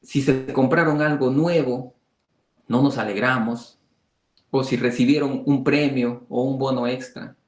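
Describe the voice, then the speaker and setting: A man's voice: medium pitch, fairly even intonation, a little slow. Man teaching a Bible study, echoey room. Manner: conversational, acts out quoted voices, rhetorical questions.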